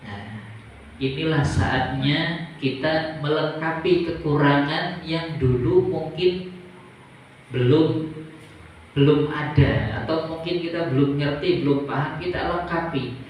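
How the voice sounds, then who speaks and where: A man giving religious advice to boarding school students, slow and measured with pauses and gentle humour. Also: a little high, steady tone, slight background noise. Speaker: Islamic boarding school teacher. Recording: very echoey hall, voice from far off.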